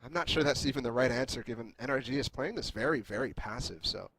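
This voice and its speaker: A man's voice: medium pitch, quick pace, a bit bright, slightly rough, poor audio. A man working as an esports caster, giving live analysis and explaining tactics.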